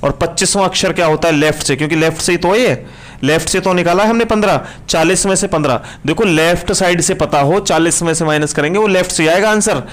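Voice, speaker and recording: A male teacher running a live online reasoning class, repeating questions and answers to his students as he works through problems. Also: fairly high pitch. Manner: brisk, repetitive questioning of students.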